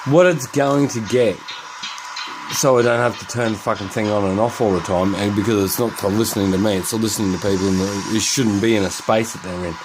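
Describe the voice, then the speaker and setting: Low-voiced man rambling through a gadget demo. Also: fairly even intonation, brisk, background noise. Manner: rambling, swears often, thinks aloud. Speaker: lockpicking and electronics hobbyist. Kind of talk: casual demo narration. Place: indoor room at home.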